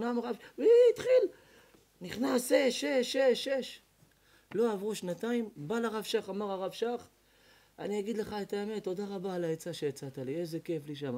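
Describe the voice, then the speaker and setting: A male rabbi telling a story in a sermon, acting out each character's lines and swinging from loud to hushed. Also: sits high. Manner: dramatic, voicing characters in the tales with big swings in loudness. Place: evening lecture before an audience.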